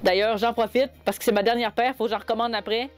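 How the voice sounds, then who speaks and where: A young cosplay vlogger from Quebec, with a Québécois French accent and a voice on the high side with fairly even intonation, tells cosplay stories to camera. Her casual storytelling is chatty and exasperated, full of quick asides.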